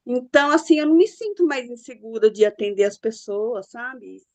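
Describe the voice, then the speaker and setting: A woman's voice: a little high, animated, normal speed. Earnest middle-aged Brazilian woman therapist. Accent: Brazilian Portuguese. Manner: earnest, confiding, peppered with "né" and "assim". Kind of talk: casual storytelling.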